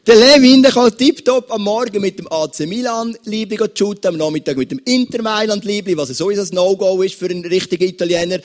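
A man with a Swiss German accent, preaching a sermon as pastor and addressing his listeners with lively examples. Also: high-pitched, fast talker, hardly any pauses.

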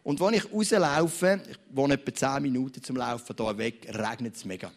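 A young man with a Swiss German accent preaching a sermon in church, telling stories with big swings between loud and quiet. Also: moderate pace. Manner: animated, storytelling, wide swings in pitch and loudness.

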